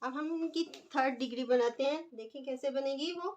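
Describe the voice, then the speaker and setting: A woman's voice: sits high, normal speed, darkish tone, muffled recording. A woman teaching an English grammar lesson, explaining patiently and stretching out example words as she writes them.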